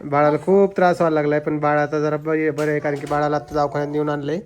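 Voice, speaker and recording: A man's voice: fairly high pitch, little pitch movement, fast talker. A man chatting to viewers in a casual family vlog and coaxing the children. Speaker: family vlogger. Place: crowded family home indoors. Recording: crowded noisy family room.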